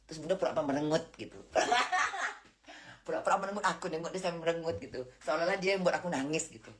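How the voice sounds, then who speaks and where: A woman's voice: deep voice, racing, slight background noise. A middle-aged woman chatting on a casual live stream at home, brash and rambling, with slang and self-mocking asides.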